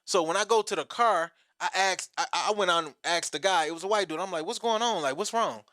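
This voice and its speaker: Animated man telling a story. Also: high-pitched, a little fast, no echo, clean studio sound. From Detroit, Michigan. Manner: animated, acts out quotes, profane. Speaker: guest comedian. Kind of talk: casual storytelling interview.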